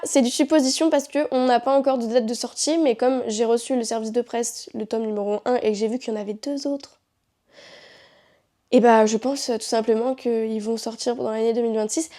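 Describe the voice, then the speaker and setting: A young woman chatting about books straight to her camera. Her voice sits a little high but sounds soft and mellow. She rambles playfully and corrects herself often. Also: fairly even intonation, brisk. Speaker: book vlogger. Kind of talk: casual chat to camera.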